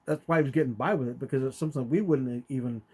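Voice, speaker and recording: A middle-aged man co-hosting a podcast, telling a family story and acting out the voices in it with sudden loud bursts. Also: medium pitch, very fast, breathy edge. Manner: animated, acts out quotes with sudden loud jumps. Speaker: podcast co-host. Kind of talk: conversational storytelling.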